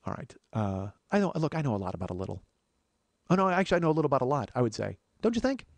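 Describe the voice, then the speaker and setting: Racing along in a sing-song, gravelly, slightly mellow medium-pitched voice, a middle-aged comedy podcast host delivers a casual, profane, rambling comic monologue. He interrupts himself with digressions and gets worked up, and there's no room sound.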